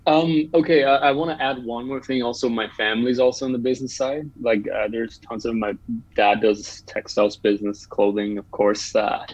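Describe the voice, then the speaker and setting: A man's voice: mid-range voice, flat delivery, normal speed, dry recording, dull audio. A man, talking eagerly as a podcast guest, with lots of um and uh. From Bangladesh. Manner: upbeat, talkative, with frequent um and uh. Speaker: guest entrepreneur. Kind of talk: casual podcast chat.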